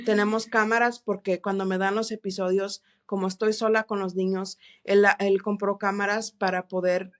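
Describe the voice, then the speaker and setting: Earnest woman telling her testimony, halting. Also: mid-range voice, little pitch movement. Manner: earnest, halting with many restarts, mixes in English words. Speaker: interview guest. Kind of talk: testimony in a church podcast interview.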